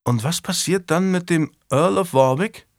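A man's voice: sits high, moderate pace, dry recording, studio quality, voice pushed up. A man voicing a polite, earnest young male squire in an audiobook, speaking courteously and with worry. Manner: courteous, worried.

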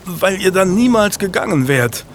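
A man's voice: high voice, expressive, moderate pace, a little hiss or hum, pitched above the performer's own voice. A man voicing a timid, loyal young male squire in an audiobook, speaking breathlessly and pleadingly.

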